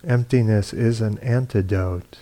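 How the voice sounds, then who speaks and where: In a meditation retreat hall, a teacher with a fairly low, dark voice leads a guided meditation at an unhurried pace. He reads poems and reflections in sparse phrases separated by long silences.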